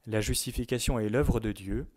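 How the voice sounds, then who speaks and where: A man giving a religious teaching to young people, speaking in a measured way and stressing key words, sometimes reading quotations aloud. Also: lowish voice, darkish tone. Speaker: teacher at a youth retreat.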